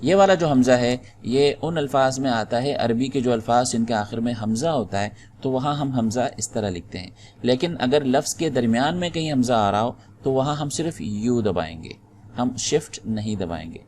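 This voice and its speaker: Man calmly explaining a typing lesson. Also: medium pitch, slight background noise. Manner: patient step-by-step explaining, spelling out keys. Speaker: typing instructor. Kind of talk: screen-recorded tutorial.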